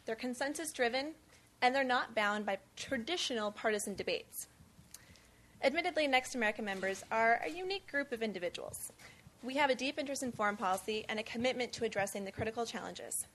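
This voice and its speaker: Young woman, measured scripted delivery, introduces a panel on stage, voice pitched a bit high. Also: lively intonation, fairly bright tone, slight background noise. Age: 20s. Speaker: event speaker introducing a panel. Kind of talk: formal prepared remarks. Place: conference event on stage.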